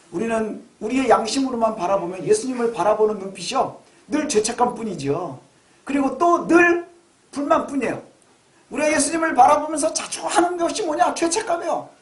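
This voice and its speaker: A middle-aged male pastor preaches with a very high voice, talking to his congregation in a conversational way and asking rhetorical questions. His voice rings through a roomy church sanctuary. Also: lively intonation, a little fast. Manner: conversational, asks rhetorical questions, acts out quotes. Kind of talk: Sunday sermon. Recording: echoey church hall.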